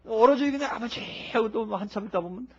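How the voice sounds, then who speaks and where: A man preaching a sermon in a lively, humorous way, acting out people who shout as they pray. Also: mid-range voice, moderate pace, slightly rough. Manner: animated, humorous, acts out shouting worshippers. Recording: dull lo-fi recording.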